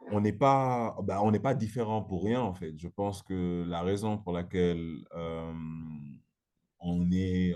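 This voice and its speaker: Low, mellow-voiced man, hesitant and slangy. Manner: hesitant, many fillers and restarts, slangy. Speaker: host. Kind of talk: casual debate chat.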